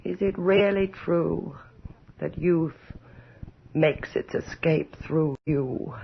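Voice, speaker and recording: A woman playing a vain, tormented aging countess in a radio horror drama, theatrical and declaiming, with a raspy, creaky voice. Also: sits low, slow pace, a little hiss or hum, exaggerated voice. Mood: brooding, despairing. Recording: dull, lo-fi old radio recording.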